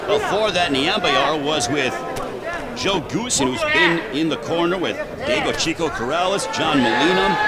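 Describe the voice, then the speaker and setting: A man calling a fight as a broadcast play-by-play commentator, with a polished, punchy delivery. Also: fairly high pitch. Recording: very loud crowd and music behind.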